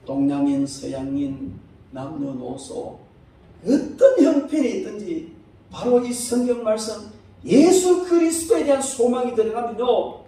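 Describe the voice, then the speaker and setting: A pastor delivers a sermon in a high, mellow voice. He swings from loud, ringing exclamations to quiet, low asides. His voice rings through a very echoey church hall from some distance away. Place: church sanctuary.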